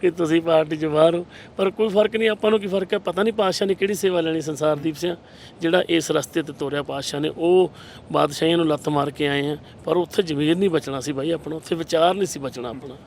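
A man's voice: on the high side, fast talker, vocal fry, darkish tone, slight background noise. A man, a political candidate giving impassioned, rhetorical interview answers and retelling scenes with quoted dialogue.

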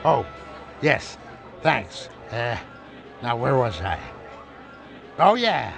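An actor playing a doddering, good-natured old superhero with an absent-minded, muddled manner, in a cartoon game. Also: male voice, mid-range voice, very animated, extremely slow, a bit bright, heavily acted. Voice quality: creaky elderly voice. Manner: absent-minded professor type, muddled and rambling. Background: music.

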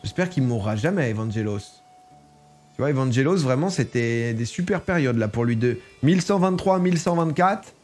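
A man's voice: mid-range voice, lively intonation, normal speed, darkish tone, faint music behind. A man casually commenting while he plays a strategy game, chatting and reading game text aloud. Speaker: gaming streamer. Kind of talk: casual let's-play commentary.

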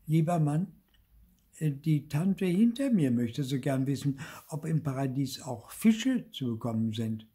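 A man's voice: on the high side, very animated, measured pace, warm tone, slightly rough, pitched above the performer's own voice, exaggerated voice. An old man doing a nagging peasant wife. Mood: pleading. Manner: pestering, pleading questions.

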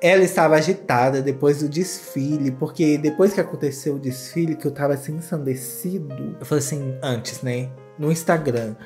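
Brazilian guy doing funny reaction commentary, campy and gossipy, mellow soft voice, faint music behind. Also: fairly high pitch, moderate pace, hardly any pauses. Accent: Brazilian Portuguese. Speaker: YouTuber host.

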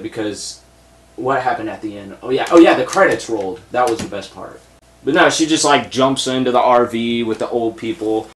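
A man's voice: mid-range voice, roomy sound. A young man reviewing a movie in a blunt, profane, exasperated rant, seated at a desk in a small room full of shelves. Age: young adult.

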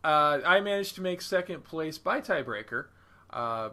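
A man's voice: on the high side, lively intonation, normal speed, sharp tone. A man co-hosting a casual podcast, making puns and hedging his talk with frequent fillers. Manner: punning, hesitant with many uh fillers. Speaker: podcast co-host.

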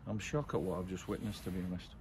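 A middle-aged English man, a football manager, giving a blunt, measured post-match interview outdoors at night, with frequent ums. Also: deep voice. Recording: outdoor noise behind.

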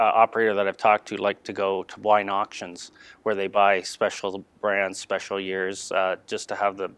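A middle-aged man speaks for his industry in a studio interview, his voice low-pitched. The sound is dry and close on a lapel mic, and he stumbles through fillers and repeated words as he explains. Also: fairly bright tone, clean tone, dry recording. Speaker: restaurant industry spokesman. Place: small TV studio.

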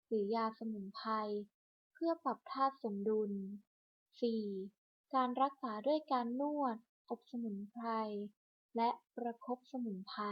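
A woman reading a scripted hospital clinic announcement over a public address system, in a measured, list-by-list delivery. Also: on the high side. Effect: broadcast over a hospital public address system. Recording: muffled lo-fi loudspeaker broadcast.

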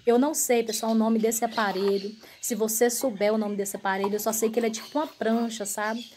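A woman with a slightly raised pitch tells a personal story straight to her viewers. Her delivery is earnest and emotional, with loose, repetitive phrasing and frequent direct address to the audience. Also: fairly even intonation, brisk, darkish tone, slight background noise. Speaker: vlogger.

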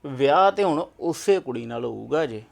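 A man's voice: medium pitch, lively intonation, moderate pace, gravelly. A young actor playing a lovestruck son in a family web drama, coaxing and pleading stubbornly with his mother.

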